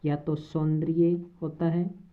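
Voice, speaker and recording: A woman teaching a Hindi spelling lesson for exam prep, slowly reading out options and repeating each word. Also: sits low, flat delivery. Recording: tinny phone-like audio.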